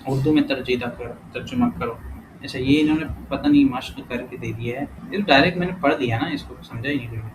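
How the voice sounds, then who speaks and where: A language teacher with a mid-range voice gives a casual lesson, thinking aloud as he works through exercises. He often corrects himself and reads example words out slowly. Background noise is clearly audible.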